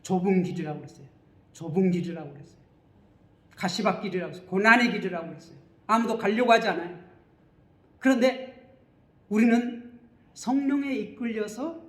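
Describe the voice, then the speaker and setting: A man's voice: sits high, reverberant. A man preaching a sermon as pastor, who keeps asking the congregation questions and then answering them himself.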